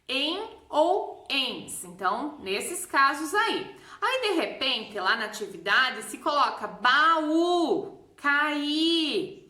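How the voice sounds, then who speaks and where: A woman teacher with a Brazilian Portuguese accent patiently explaining a grammar lesson, repeating example words slowly. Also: on the high side, sharp tone. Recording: echoey room.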